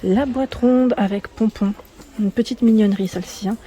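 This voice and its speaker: A woman's voice: mid-range voice, moderate pace, dark tone. A woman chatting casually through a shopping vlog inside a store, friendly and full of fillers. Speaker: vlogger.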